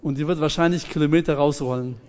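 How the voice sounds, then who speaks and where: A man preaching a sermon, retelling a parable with lively storytelling, acting out its characters and speaking straight to his congregation. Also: fairly high pitch, fast talker. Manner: addresses the congregation directly. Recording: reverberant hall, dull lo-fi sound.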